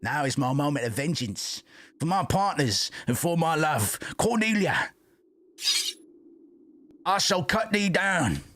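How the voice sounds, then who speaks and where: A man's voice: a little high, big pitch swings, slow, long pauses, fairly bright tone, voice pushed up, heavily acted. A man voicing a young heroic lover in a stage melodrama, anguished and declamatory in archaic English. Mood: vengeful.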